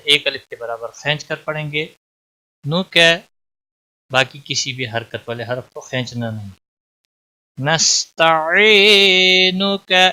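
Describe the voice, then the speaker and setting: A man teaching Quran recitation rules, chanting each phrase slowly and drawn out, then explaining in plain spoken instruction. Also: medium pitch, sharp tone. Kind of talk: tajweed lesson, chanted examples then explanations.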